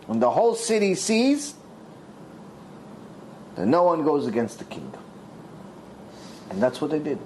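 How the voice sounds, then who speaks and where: Male rabbi, sermon storyteller, lively swooping delivery, slightly high voice, faint hiss behind. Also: measured pace, long pauses, rough recording. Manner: dramatic storyteller, voices the characters with big pitch swings.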